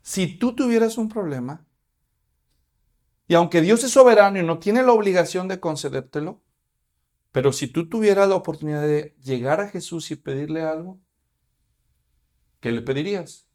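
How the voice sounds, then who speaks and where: A man's voice: on the high side, expressive, normal speed, long pauses, darkish tone. A man, preaching a sermon as pastor and asking his congregation questions.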